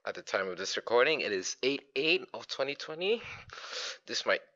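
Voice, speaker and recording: Brief: 18-year-old male co-host from Sudan, crisp bright tone, loud teasing, muffled lo-fi mic. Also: mid-range voice, sing-song, moderate pace. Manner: loud, mocking, laughs a lot. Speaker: podcast co-host. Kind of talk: casual chat. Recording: dull lo-fi sound.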